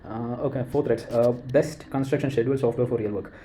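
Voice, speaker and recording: A man with an Indian accent talking through his screen in a casual walkthrough, thinking aloud and pausing on fillers. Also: medium pitch, fairly even intonation, warm tone, slight background noise. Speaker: creator.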